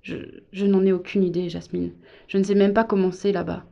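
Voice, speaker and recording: A woman voicing a calm young father who speaks quietly and steadily, sometimes hesitating, in a story reading. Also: mid-range voice, brisk, gravelly, muffled recording, close to an everyday voice. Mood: resigned. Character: calm, resigned young father, softly spoken.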